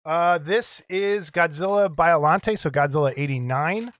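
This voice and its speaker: A man's voice: fairly high pitch, a little slow, a bit bright. A middle-aged man co-hosting a casual show-and-tell about model kits, rambling and chuckling as he goes. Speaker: co-host of a model kit show.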